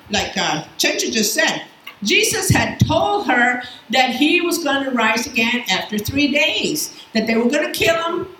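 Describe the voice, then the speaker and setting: A woman teaching a Bible class in a casual, lively way, asking her students questions as she goes. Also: sits high. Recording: echoey room, faint background noise.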